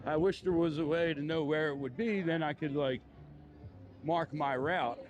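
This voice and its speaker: A man with a Philadelphia accent live-streams while walking along a busy city street, chatting casually and rambling with fillers such as "you know." His voice is on the high side, at a moderate pace.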